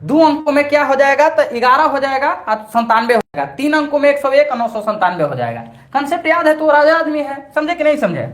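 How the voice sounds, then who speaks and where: A man's voice: very high voice, very animated, fast, few pauses, a bit bright. A middle-aged man with a Bhojpuri-tinged Hindi accent, teaching a live online maths exam-prep class in a chatty way, repeating each point and scolding his students by turns.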